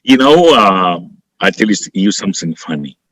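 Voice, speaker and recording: Emphatic Egyptian-accented man, lowish voice, dry sound. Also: sing-song, moderate pace, fairly bright tone, no room sound, rough recording. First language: Arabic. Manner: emphatic, encouraging, repeats phrases for stress. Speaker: interview guest, politician and teacher. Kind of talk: conversational interview answers.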